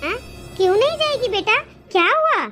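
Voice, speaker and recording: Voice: very high-pitched, big pitch swings, normal speed, music in the background. A voice actor playing a worried, doting middle-aged mother who coaxes and fusses in a comedy cartoon. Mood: coaxing. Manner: fussing and coaxing.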